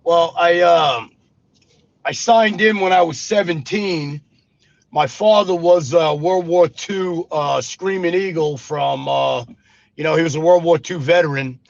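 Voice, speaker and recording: This interview guest is a Brooklyn ex-gangster in his 50s narrating his life story casually, peppering it with "brother" and "you know what I mean." His voice leans high and creaky at a measured pace. The recording is dull, dry, and lo-fi with no room sound.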